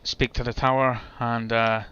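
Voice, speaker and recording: Slow, chatty man at a flight sim. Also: medium pitch, little pitch movement, a bit bright, smooth, highs cut off. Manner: chatty and unhurried, thinking aloud. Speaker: flight simulator streamer. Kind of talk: casual commentary while gaming.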